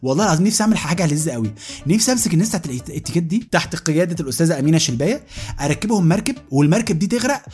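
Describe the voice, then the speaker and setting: A man's voice: fairly high pitch, lively intonation, a little mellow, soft background music. A man with an Egyptian Arabic accent doing a comic monologue, exasperated and mocking, tripping over his words as he rants. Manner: exasperated, mocking, rapid-fire with frequent restarts. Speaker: podcast host.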